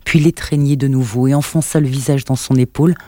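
A man narrating a novel in an even, measured storytelling manner. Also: medium pitch, no room sound. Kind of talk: scripted audiobook narration.

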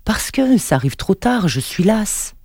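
A man reading an audiobook, voicing a quick-tempered, guarded woman in her thirties with a lifted voice. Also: sits high, sing-song, creaky, darkish tone, husky, no room sound, studio quality, pitched above the performer's own voice, full character voice. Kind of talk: audiobook narration.

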